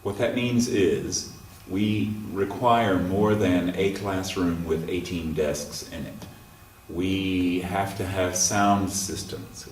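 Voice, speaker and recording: A man who teaches music at a college speaks in an interview, measured and pausing often with ums. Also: fairly low pitch, slight background noise. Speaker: college music professor and choir director. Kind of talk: interview monologue. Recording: roomy sound from a distant mic.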